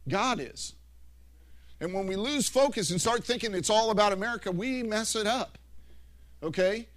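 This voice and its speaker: High-voiced rambling male preacher. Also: normal speed. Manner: rambling, animated storytelling with many restarts. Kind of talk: anecdotal sermon.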